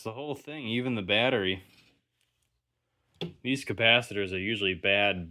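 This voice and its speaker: This man hosts a vintage electronics inspection video, talking off the cuff and musing aloud in a rambling way. He has a lowish, slightly bright voice.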